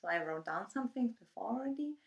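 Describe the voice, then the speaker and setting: A woman's voice: fairly high pitch, animated, fairly quick, creaky, lo-fi sound. A young woman from Germany with a German accent, chatting casually in her first vlog and reading prepared answers from her phone. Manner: rambling, chatty, with frequent fillers. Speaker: YouTuber. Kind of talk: casual get-to-know-me vlog.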